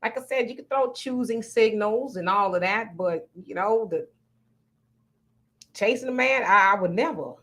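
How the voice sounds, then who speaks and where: Chatting casually on her livestream, a woman reads viewer comments aloud with a frank, playful attitude. Her pitch is medium, her speed normal, and her tone fairly bright.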